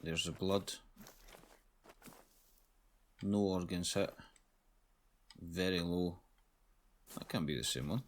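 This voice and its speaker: Male gamer, deep voice, low-key running commentary while playing. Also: unhurried. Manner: low-key, thinking aloud. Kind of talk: casual gameplay commentary.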